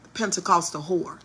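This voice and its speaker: A woman telling a family story in a vlog, indignant and preachy, sometimes dropping to a hush. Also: fairly low pitch, breathy edge. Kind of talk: slow, heated storytelling monologue.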